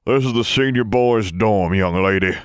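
Fussy old wizard portrait, pinched and nasal, scolding, as a man puts him on; raised, high-strung delivery, dry close recording. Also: moderate pace, clean tone, no echo, natural voice. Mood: indignant. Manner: prim, indignant, prudish scolding.

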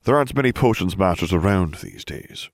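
A man playing a mild old headmaster who muses and hesitates before committing. The voice stays low and dry. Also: wildly swooping pitch, fairly quick, vocal fry, dry recording, exaggerated voice. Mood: musing. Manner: hesitant, musing.

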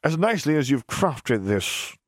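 A man's voice: medium pitch, expressive, moderate pace, no room sound, clean studio sound, voice pushed up, close to an everyday voice. A man doing an oily, smug officer. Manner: sneering, condescending, drawn out. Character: oily, smug middle-aged male officer.

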